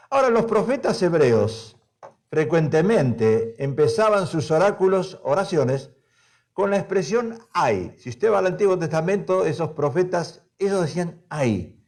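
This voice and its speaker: A male pastor preaching a sermon, animated and emphatic, repeating key phrases and calling on the congregation to answer back. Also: high-pitched, vocal fry.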